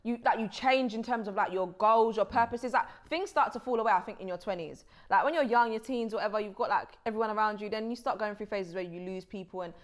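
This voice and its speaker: Woman, 25, mid-pitched, reflective casual chat, lots of fillers. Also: fast, hardly any pauses. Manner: reflective, thinking aloud with many "like"s.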